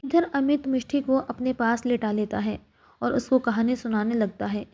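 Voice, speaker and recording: Woman narrator for emotional audio stories, high soft voice, steady expressive delivery. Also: normal speed. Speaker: storyteller.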